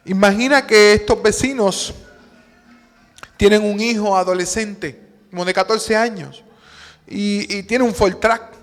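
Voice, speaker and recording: High-voiced Puerto Rican preacher. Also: male voice, unhurried, pauses often, faint music behind. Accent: Puerto Rican Spanish. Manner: storytelling, acting out dialogue in a calm voice. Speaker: pastor. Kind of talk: sermon. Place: church hall. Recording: long church-hall reverb.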